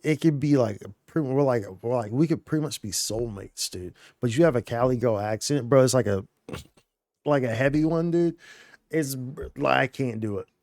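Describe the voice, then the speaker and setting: A man's voice: mid-range voice, moderate pace, darkish tone, no room sound, clean studio sound. A male streamer chatting casually over gameplay in a rambling, slangy way, full of "dude" and "like".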